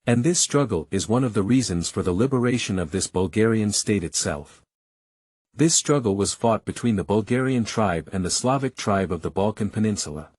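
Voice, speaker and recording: A man's voice: on the low side, animated, normal speed, darkish tone, breathy edge, dry recording, studio quality. A man reading a historical parliamentary speech aloud in a declamatory, oratorical manner.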